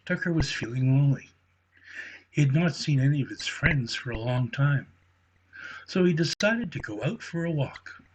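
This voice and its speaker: A man reading a children's bedtime story aloud in a slow, gentle way. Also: medium pitch, slight background noise, low-quality recording.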